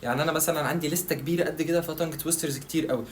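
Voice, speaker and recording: With slight background noise, a man of fairly high pitch speaks very fast in a fairly even tone, carrying an Egyptian Arabic accent. As a language-learning video creator, he gives a chatty tutorial to the viewer, quizzing himself and supplying the answers.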